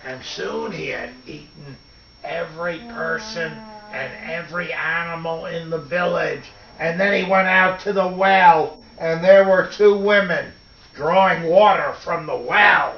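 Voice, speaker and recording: An older man reading a picture book aloud to his grandchildren, slow and emphatic with sound effects. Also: a little high, creaky, slight background noise. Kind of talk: storybook read-aloud. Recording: roomy, distant, dull home recording.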